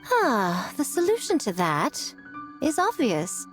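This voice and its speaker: A woman performs scripted video game voice acting as a sly, self-assured fox shrine woman who is poised, teasing and eloquent. Her exaggerated voice sits on the high side, swoops wildly in pitch and moves slowly, with music behind it.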